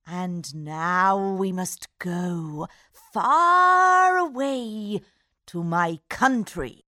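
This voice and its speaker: A greedy, cunning old magician voiced by a woman reading a storybook creeps through his lines in a strained, wavering voice. He wheedles and drags each word out slowly. The sound is dry and close, with no room around it. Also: medium pitch, expressive, pushed and bright, no echo, heavily acted. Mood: sly. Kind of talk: storybook read-aloud.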